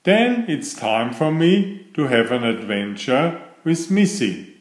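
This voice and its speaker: In an echoey room, a man at medium pitch reads a children's picture book aloud. His storytelling is deliberate and expressive.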